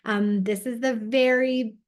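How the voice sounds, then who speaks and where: A woman's voice: fairly high pitch, fairly even intonation, takes it slowly. A woman in her thirties giving a conversational parent workshop, with many filler sounds as she explains.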